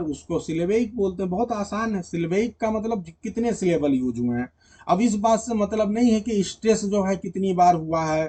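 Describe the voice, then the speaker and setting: A man's voice: on the high side, warm tone, breathy edge. A male teacher giving an exam-prep lecture in Hindi mixed with English terms. He explains step by step and keeps checking that students follow. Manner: mixes English terms and read-out definitions into Hindi.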